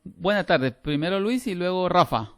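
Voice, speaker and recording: A middle-aged man, teaching a grammar class over a video call, lively and emphatic with frequent restarts. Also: high-pitched, moderate pace, no room sound, clean studio sound. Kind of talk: online class lecture.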